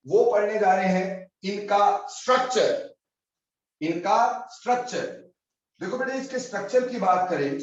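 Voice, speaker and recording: A man with a high-pitched voice gives a slow, patient chemistry lesson, repeating each key point and fondly calling his students children. His voice carries from a distance through a very roomy classroom. The recording sounds dull and lo-fi. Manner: mixes Hindi with English terms. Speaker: chemistry teacher. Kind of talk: classroom lecture.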